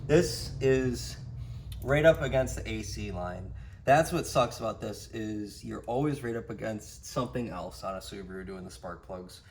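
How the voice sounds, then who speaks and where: A man giving a casual how-to walkthrough while working on a car engine, explaining each step in a plain, low-key way. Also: normal speed, a little mellow, slight background noise. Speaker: DIY car repair presenter.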